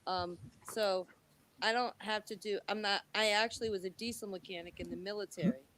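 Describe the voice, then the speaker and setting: Bright-voiced woman about to turn fifty. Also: mid-range voice, fairly even intonation, brisk. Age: 40s. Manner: open and talkative, warm sign-off with blessings. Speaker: guest caller. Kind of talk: casual chat.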